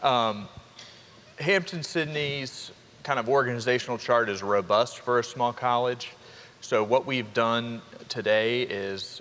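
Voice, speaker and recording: A young man speaks into a handheld microphone, welcoming new students and parents as a college dean. His voice sits fairly low and he keeps an upbeat tone with quick asides to the room. The sound carries a long hall reverb over a faint murmur. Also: fairly bright tone, a little hiss or hum. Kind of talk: orientation welcome speech. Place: large hall.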